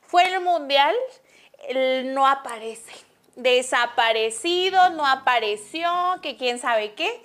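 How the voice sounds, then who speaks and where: A young woman with a Mexican accent and a high, bright speaking voice. She chats casually with a friend, full of slang and quick laughter, and now and then reads listener stories aloud. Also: lively intonation. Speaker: podcast co-host. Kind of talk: casual chat.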